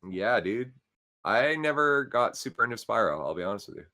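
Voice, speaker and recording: A man in his twenties co-hosts a casual gaming podcast, telling stories in loose slang and laughing often. His medium-pitched voice swings widely in pitch, and he talks briskly with a sharp tone.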